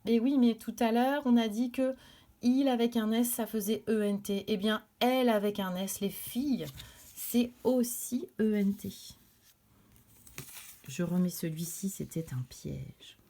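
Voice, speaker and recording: A woman teaching a recorded lesson to young children, explaining clearly and patiently step by step. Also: fairly high pitch, a little slow, dark tone. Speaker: primary school teacher.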